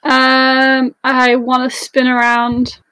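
High-voiced excitable woman gamer. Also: takes it slowly, clean tone, dry recording, rough recording. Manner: excitable, cheers and laughs. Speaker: player. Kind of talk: casual tabletop play over voice chat.

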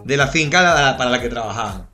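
A man's voice: mid-range voice, animated, fast, bright, forceful tone, soft background music. A Venezuelan man with a Venezuelan Spanish accent, co-hosting a casual chat, joking, swearing freely and telling anecdotes. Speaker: podcast co-host. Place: living in Chile.

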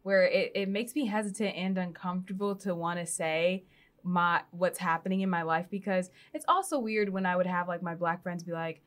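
A woman's voice: lowish voice, moderate pace. Chatty young woman podcast host. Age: young adult. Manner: chatty, relaxed, frequent mm-hmms and fillers. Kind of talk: casual interview podcast.

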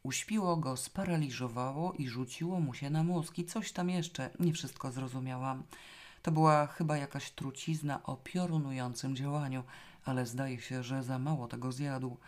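A woman reading a novel aloud in the first person, with a wry, lively storytelling manner. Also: rumbling low, normal speed. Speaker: audiobook reader. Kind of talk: scripted first-person narration.

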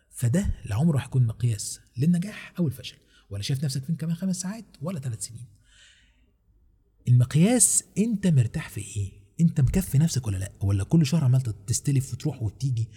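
A man's voice: mid-range voice, big pitch swings, fast talker, dark tone, husky. A man with an Egyptian Arabic accent, hosting a podcast and giving casual advice in a joking manner, full of rhetorical questions. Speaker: podcast host.

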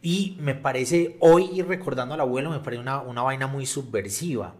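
Guy chatting with friends, kinda halting and emotional, mid pitched voice. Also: darkish tone. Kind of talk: casual conversation among friends.

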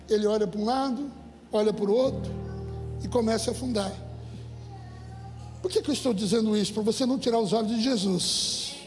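High-voiced Brazilian pastor preaching. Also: male voice. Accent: Brazilian Portuguese. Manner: emphatic, rising to shouts; addresses the congregation directly. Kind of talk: sermon. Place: church. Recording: echoey hall with faint music.

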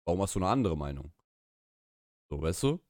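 This is a young native Russian speaker co-hosting a podcast, his low, slightly mellow voice very animated and a little fast. The casual live-stream chat from a small room is rambling and opinionated, with many restarts and self-corrections, and the clean studio sound has no room sound.

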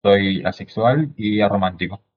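A man of twenty-four, talking on a video call panel in a hesitant way with many pauses. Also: on the low side. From Argentina. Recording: muffled lo-fi call audio.

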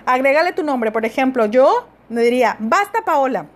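Podcast host: woman, high voice, direct motivational coaching delivery. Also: animated, fairly quick. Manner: warm coaching tone, addresses listener directly. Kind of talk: self-help podcast talk.

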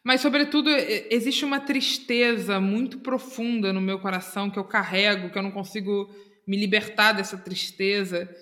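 Earnest woman, bright voice. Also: mid-range voice, fairly even intonation, moderate pace. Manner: earnest, repeats words for stress. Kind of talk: casual podcast chat.

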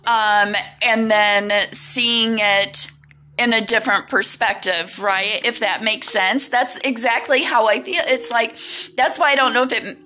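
A woman's voice: on the high side, fairly even intonation, a little slow, pushed and bright. A woman giving a casual spiritual tarot reading, rambling with many fillers and frequent "right?" tags. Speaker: tarot reader.

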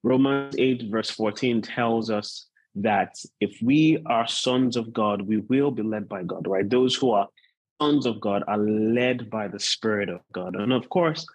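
A man preaching as a guest pastor in an informal, measured, unhurried way, often repeating points for emphasis. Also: lowish voice, no echo, low-quality recording. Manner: unhurried, measured delivery with deliberate repetition. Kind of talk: sermon, informal preaching to an online gathering.

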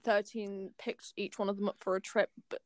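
A woman's voice: medium pitch, level tone, normal speed, no echo. Chatty young woman with dry sound. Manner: rambling, enthusiastic, many fillers and restarts. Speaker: podcast co-host. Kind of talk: casual fan podcast chat.

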